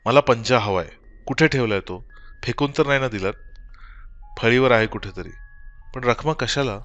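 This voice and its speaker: A man voicing a grief-crazed elderly mother in an audiobook horror story, speaking frantically and shouting. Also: mid-range voice, moderate pace, clean tone, dry recording, highs cut off, soft background music, natural voice. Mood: desperate. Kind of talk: audiobook character voice.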